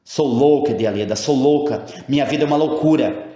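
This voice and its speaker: A man's voice: fairly low pitch, brisk, a little mellow, roomy sound, natural voice. A man reading the part of a proud, anguished queen, in grand, old-fashioned formal speech. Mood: desperate.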